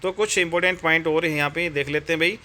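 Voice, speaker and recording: A man's voice: on the high side, steady tone, quick pace, bright, forceful tone. An Indian man teaching an exam-prep Hindi grammar lesson, chatty and repetitive, often calling his viewers friends and brother.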